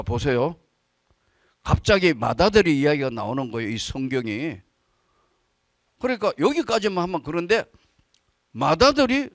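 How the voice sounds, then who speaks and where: A male pastor giving an evening sermon at a church service, retelling a story in an animated, dramatic way. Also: sits high, no echo, clean studio sound.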